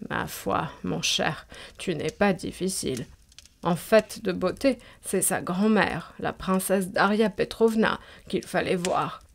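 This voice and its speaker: A woman voicing an old, haughty and capricious countess in a storybook reading, giving drawn-out commands. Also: fairly low pitch, gravelly, heavily acted. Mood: imperious.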